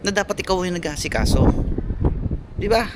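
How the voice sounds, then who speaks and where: A young delivery rider with a Filipino accent talks straight to his viewers in a casual vlog. He sounds fed up and scolding, and he leans on lots of fillers. He records outdoors on his motorbike, with loud engine and traffic noise all around him. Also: high-pitched, very animated, brisk. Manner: exasperated, scolding, filler-heavy.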